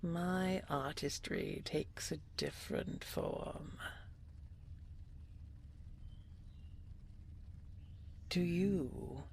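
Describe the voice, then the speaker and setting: A woman voices a regal dragon queen in an intimate audio roleplay, using a full character voice in a low, breathy near-whisper. She stretches her words very slowly, formal and coaxing with endearments, adoring yet controlling, in a soft, musing mood. Noticeable ambient noise lies behind her.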